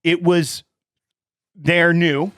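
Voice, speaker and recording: A man's voice: on the high side, level tone, drawn-out words, fairly bright tone, no echo, clean studio sound. A man, co-hosting a podcast and telling long family stories with frequent laughs. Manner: chatty storyteller, laughs often. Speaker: podcast co-host. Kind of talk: casual chat.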